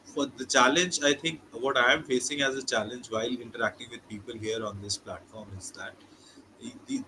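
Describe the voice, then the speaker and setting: A man's voice: medium pitch, steady tone, fairly quick, noisy background. A man from India with an Indian English accent, hosting a casual interview and often saying "okay" and repeating words. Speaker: host.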